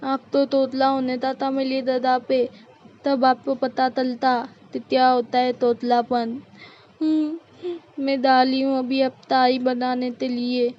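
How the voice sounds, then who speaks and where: A woman doing a young cartoon daughter-in-law with a heavy, childlike lisp. Her voice is high and her speech slow, and she sounds timid even when she answers back. The sound is dull and lo-fi. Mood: pleading. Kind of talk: cartoon voice acting. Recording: dull lo-fi recording.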